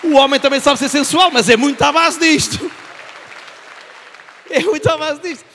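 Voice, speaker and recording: A man in his thirties with a European Portuguese accent, doing animated stand-up into a handheld mic on a large theatre stage. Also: extremely high pitch, moderate pace, big-room sound, some chatter behind, a little hiss or hum. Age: 30s. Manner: animated, repeats and restarts phrases for effect. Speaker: stand-up comedian. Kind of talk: stand-up comedy routine. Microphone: handheld microphone.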